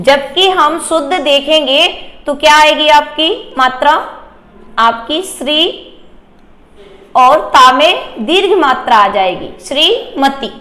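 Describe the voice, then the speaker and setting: A woman teacher giving a Hindi grammar lesson, explaining slowly and asking and answering her own questions. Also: sits high, pushed and bright.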